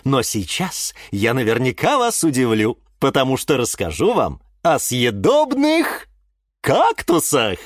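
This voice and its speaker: A man's voice: mid-range voice, huge pitch swings, unhurried, no room sound, clean studio sound. A man reading a children's audiobook voices a cheerful male TV cooking-show host with upbeat presenter patter.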